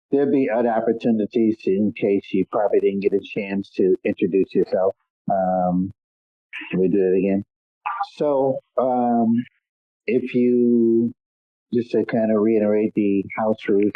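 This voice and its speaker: Over a tinny phone or conference line with no room sound, a congested man with a lowish voice runs a laid-back call-in show. He sounds stuffed up and slightly nasal, talking in a meandering way full of "um"s.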